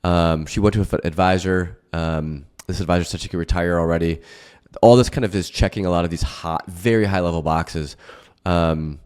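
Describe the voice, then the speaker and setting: Very low-voiced casual man. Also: fairly even intonation, normal speed, darkish tone, clear, resonant tone. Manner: casual, filler-heavy. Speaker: financial advisor host. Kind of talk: reaction video commentary.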